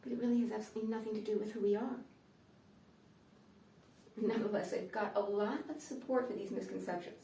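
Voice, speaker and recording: A woman's voice: mid-range voice, steady tone, fast, vocal fry, long pauses, warm tone, a little hiss or hum. American woman comic, dry sardonic stand-up monologue, recorded in an echoey room from a distant mic. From United States. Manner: dry, sardonic delivery with playful asides. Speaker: comedian.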